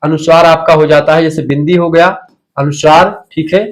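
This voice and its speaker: Male tutor, slightly high voice, runs a quick drilling revision class online. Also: level tone. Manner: drilling, asks questions then answers them himself. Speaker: teacher.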